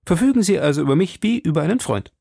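A man's voice: sits high, animated, fast, gravelly, warm tone, breathy edge, dry recording, studio quality, voice pushed up, heavily acted. D'Artagnan, a man doing a gallant young swordsman. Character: bold, honorable young male swordsman. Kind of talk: audiobook character voice.

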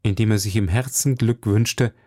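A man narrating a novel as an audiobook in a calm, measured voice. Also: fairly low pitch, no room sound, studio quality. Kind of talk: scripted narration.

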